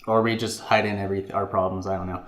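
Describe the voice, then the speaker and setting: A man's voice: low voice, level tone, fast, over a noisy crowd. A young man co-hosting a casual gaming podcast, speaking loosely with lots of "like" and "um". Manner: casual, filler-heavy, says "like" often. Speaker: podcast co-host. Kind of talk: casual chat. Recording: echoey room.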